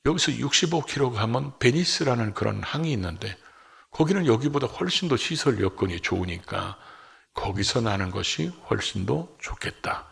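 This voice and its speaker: Middle-aged male pastor, gravelly and husky, sermon delivery with loud emphatic swells. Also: medium pitch. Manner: rises to loud emphatic peaks, acts out quoted voices.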